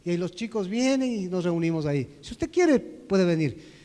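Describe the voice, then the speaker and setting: A man's voice: high-pitched, lively intonation, normal speed, dark tone. A preacher voicing a curt, grumpy old man in a sermon story, in an echoey hall. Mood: gruff. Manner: curt, snapping. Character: gruff grumpy old man praying loudly.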